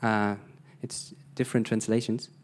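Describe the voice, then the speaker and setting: A man's voice: lowish voice, level tone, measured pace, a little hiss or hum. Casual, hesitant male preacher. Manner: conversational, mixes in English phrases; hesitant fillers, restarts. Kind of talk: informal sermon.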